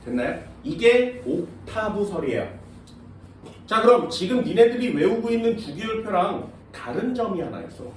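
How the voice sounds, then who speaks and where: Man, science teacher, high voice, distant, echoey classroom. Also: big pitch swings, moderate pace. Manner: questioning students often, casual banmal mixed with polite speech. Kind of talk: classroom lecture. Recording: echoey classroom from far off, faint noise.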